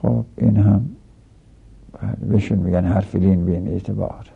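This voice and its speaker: Gravelly man teaching grammar methodically. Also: low-pitched, fairly even intonation. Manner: explains step by step with repeated examples. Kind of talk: textbook commentary lesson. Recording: dull lo-fi recording.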